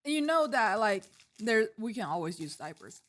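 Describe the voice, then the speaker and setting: A woman's voice: mid-range voice, big pitch swings, moderate pace, a bit bright. Giggly young woman, casual podcast chat. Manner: giggly, hesitant, lots of fillers. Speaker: podcast co-host.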